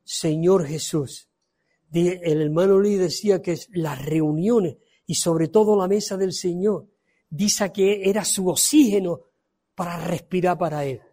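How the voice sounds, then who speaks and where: A man preaching a fervent sermon, reading scripture aloud and swinging from loud emphasis to soft pleading. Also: sits high, measured pace.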